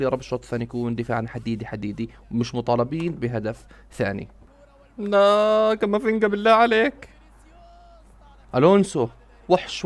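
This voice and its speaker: A young man giving excitable live reaction commentary on a football match, swinging between muttering and shouting at the players. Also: medium pitch.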